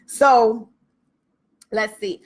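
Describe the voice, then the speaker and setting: Husky Brooklyn woman coaching live. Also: a little high, steady tone, drawn-out words. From Brooklyn, New York. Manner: chatty, informal, addresses viewers directly. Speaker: writing coach hosting a live session. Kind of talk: casual live coaching talk to viewers.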